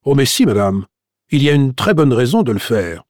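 A man's voice: medium pitch, big pitch swings, normal speed, darkish tone, dry recording, natural voice. A man voicing a pompous, self-important middle-aged police commissioner in an audiobook. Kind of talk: audiobook character voice. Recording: dry studio recording.

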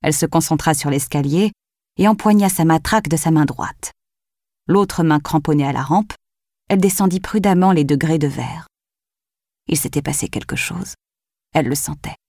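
A woman narrating a thriller novel in a measured way, sometimes dropping to a hushed near whisper. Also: sits low, no echo. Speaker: audiobook narrator. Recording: dry close studio sound.

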